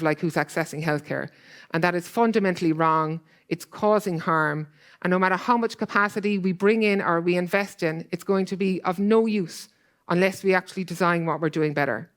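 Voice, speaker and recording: A woman speaks at a conference at a middle pitch. Her delivery is earnest and quick. She fills her sentences with "kind of" and "like" as she goes. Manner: earnest, fast, loose with fillers like "kind of". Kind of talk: conference talk. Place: conference hall.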